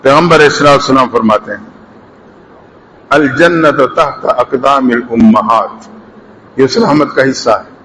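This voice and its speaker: A man delivering a sermon as an Islamic preacher, impassioned, rising to emphatic peaks and then dropping low. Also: pushed and bright, slight background noise, rough recording. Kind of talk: Urdu sermon.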